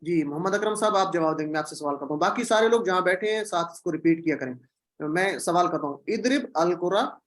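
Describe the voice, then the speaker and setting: A man's voice: high-pitched, a little fast, fairly bright tone, rough recording. A man teaching Quranic Arabic in an online class, patiently drilling and repeating word patterns. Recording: video call audio.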